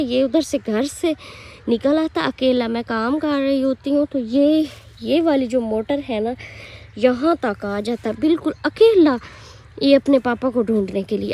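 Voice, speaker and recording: A young woman, slightly hoarse, chatting casually to viewers as she vlogs while walking through farm fields. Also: on the high side, darkish tone. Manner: chatty, rambling, addresses viewers directly. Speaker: village vlogger and mother. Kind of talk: casual walk-and-talk vlog.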